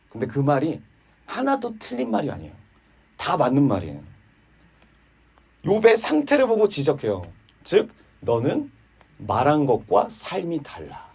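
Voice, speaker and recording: A man preaching a sermon in a church, swinging between emphatic high peaks and low quiet asides, mocking the people he quotes. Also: slightly rough. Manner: animated, rising to emphatic peaks then dropping low and quiet; voices quoted speakers in a mocking, sarcastic tone.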